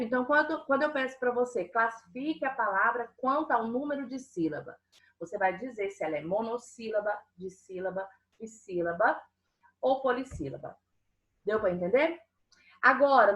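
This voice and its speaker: A woman's voice: on the high side, a bit bright. A woman teaching a primary school class online, patiently explaining and often checking that the children follow. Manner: patient, asks frequent check-in questions.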